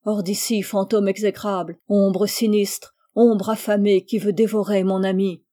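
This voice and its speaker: A woman's voice: medium pitch, level tone, a little slow, warm tone, close to an everyday voice. A woman reading aloud and voicing a male native warrior with a tense, declamatory delivery. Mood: furious. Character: male native warrior, fearful then wrathful.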